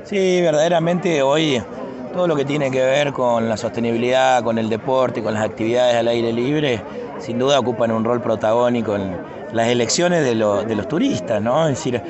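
A man's voice: medium pitch, moderate pace, highs cut off. A man with a Cordoba Argentine Spanish accent, explaining things conversationally as a tourism official in a spontaneous radio interview. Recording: busy outdoor crowd noise.

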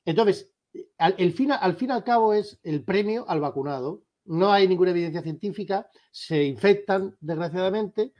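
A man, a lawyer for an association, answers interview questions in a firm, emphatic, insistent way with a husky voice. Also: high voice, moderate pace, lo-fi sound. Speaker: lawyer for a civil rights association.

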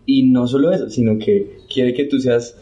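A man tells his story of faith in an earnest, animated way, acting out the voices of the people in it. His voice is mellow and sits at a middle pitch. The recording sounds slightly muffled. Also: normal speed. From Santander, Colombia. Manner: earnest, animated retelling with acted-out quotes. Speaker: guest sharing testimony. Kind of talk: casual conversational testimony.

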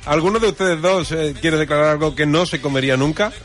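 A man's voice: fairly high pitch, fast, faint music behind. A man hosting a casual radio chat, joking and firing questions at his co-hosts. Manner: joking, prompts others with questions. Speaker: radio host.

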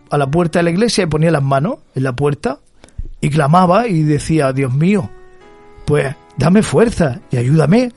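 High-voiced preacher, fervent. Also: male voice, dry recording. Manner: storytelling, rising to fervent emphatic repetition. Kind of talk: sermon.

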